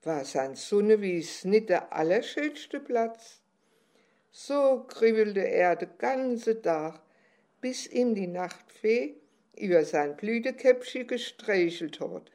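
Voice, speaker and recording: Field: slow, gentle woman storyteller. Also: mid-range voice, lively intonation. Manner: slow, gentle, unhurried reading. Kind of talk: storybook reading.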